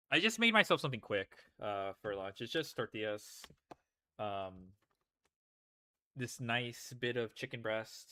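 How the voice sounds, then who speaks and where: A young man chatting casually while streaming a game, relaxed and rambling, laughing often. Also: mid-range voice. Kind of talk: casual gameplay chat.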